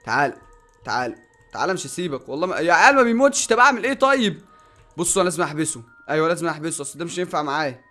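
An Egyptian man commentating a Minecraft game in a high, lively voice that leaps all over his range. He rattles along quickly and shouts when something startles him. Faint music plays behind him. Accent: Egyptian Arabic. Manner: excitable, shouting and yelping at sudden dangers. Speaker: gaming YouTuber.

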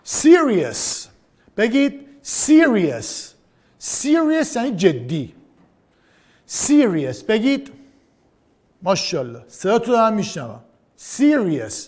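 Man as an online English tutor, high and lively, repeats words slowly. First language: Persian. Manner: animated, drilling words with slow repetitions and quick asides. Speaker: English teacher. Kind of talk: online vocabulary lesson.

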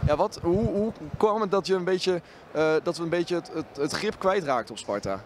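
A man's voice: sits high, animated, moderate pace. A man interviewing a player for his club after a match, asking casual questions with frequent restarts, outdoors at a stadium. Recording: faint outdoor noise.

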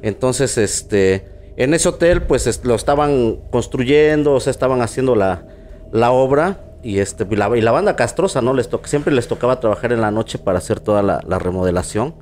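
A man's voice: medium pitch, expressive, moderate pace, darkish tone, slight background noise. A man with a Mexican accent hosting a podcast, telling a ghost story in a casual, slang-filled way with lots of fillers. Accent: Mexican Spanish. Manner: slangy, filler-heavy, acts out quoted voices. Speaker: podcast host.

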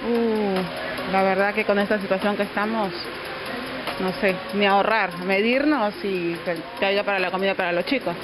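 A woman's voice: medium pitch, fairly even intonation, moderate pace, low-quality recording. A woman gives short, resigned answers as a customer being interviewed. Her voice sits in the middle range, and background music plays beneath. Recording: background music under the report.

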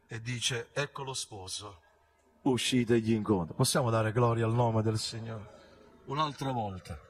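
A man preaching a fervent sermon as pastor at a church service, rising and falling sharply in loudness and pitch and putting rhetorical questions to the congregation. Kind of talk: Pentecostal sermon.

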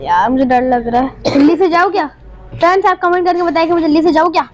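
A woman hosting a gaming channel, giving playful, jokey live commentary over a game with panicky, excitable outbursts. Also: very high-pitched, fast talker.

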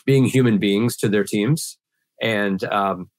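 Speaking slowly in a fairly low pitch, a middle-aged sales trainer appears as a guest on a video-call podcast, giving earnest answers with many restarts. His voice is slightly scratchy because of pollen, and the recording is dry.

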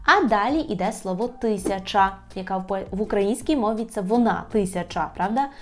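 A woman teaching a language lesson, explaining patiently, often asking "right?" and repeating words slowly. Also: medium pitch.

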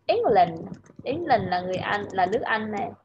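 A woman tutor in an online English lesson, patiently saying words slowly so her student can repeat them. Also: mid-range voice, big pitch swings, highs cut off, background noise.

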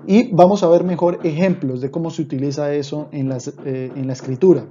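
Male online language teacher, patient and repetitive, deep warm timbre, slightly dull lo-fi recording. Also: fairly even intonation, brisk, a little hiss or hum. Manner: patient, repeats points, often checks in with listeners. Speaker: Hebrew teacher.

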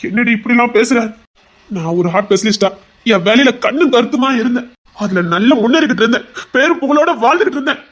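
A man's voice: very high-pitched, expressive, fast talker, fairly bright tone, exaggerated voice. A man with a Tirunelveli Tamil accent playing a young male heart doctor, a possessive lover who pleads and turns to threats. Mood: pleading. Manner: pleading, insistent, turning threatening. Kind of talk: audio drama acting.

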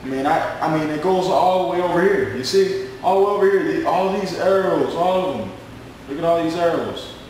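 A man in his twenties giving a screen-recorded sales pitch, pushy and boastful, repeating himself a lot. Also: moderate pace, a little mellow, roomy sound, a little hiss or hum, rough recording. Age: 20s. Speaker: network marketing recruiter.

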